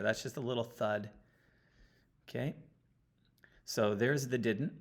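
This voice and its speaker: A man talking through an audio analysis step by step, often checking in with a quick "okay?". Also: medium pitch. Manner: explanatory, checks in with frequent "okay?". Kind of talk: screen-recorded audio analysis walkthrough. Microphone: computer mic, sitting close.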